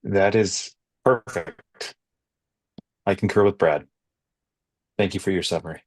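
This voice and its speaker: A man on a video call in a remote committee meeting, his audio slowed down so it sounds deep and dragging. He speaks briefly and agreeably. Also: no room sound. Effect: call audio slowed down, making the voice sound deep and dragging. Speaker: scientific committee member.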